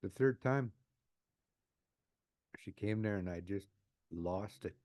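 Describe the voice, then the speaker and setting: Man, 60s, personal testimony, emotional, halting restarts, mellow low voice, dry close sound. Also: no room sound. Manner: halting, repeats words and restarts phrases; emotional, earnest. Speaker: interviewee sharing his life story.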